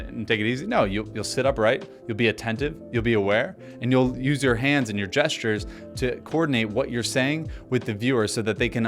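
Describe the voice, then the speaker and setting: Energetic man teaching to camera. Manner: energetic, emphatic, varies speed and pitch on purpose. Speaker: presenter teaching on-camera speaking. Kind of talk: instructional talk to camera.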